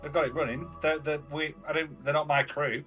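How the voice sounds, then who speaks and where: Male player, bright forceful tone, banters and trips over words. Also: a little high, fairly even intonation, fairly quick, soft background music. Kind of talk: tabletop role-play.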